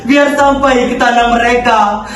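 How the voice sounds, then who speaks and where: A woman's voice: a little high, fairly even intonation, a little slow, natural voice. A young woman playing a tragic heroine, a poor chained prisoner pleading in anguish in a theatrical monologue. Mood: anguished prayer. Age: teenager. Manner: anguished, pleading, dramatic declamation. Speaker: student actor in a theatre monologue. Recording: echoey hall from far off, music behind. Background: music.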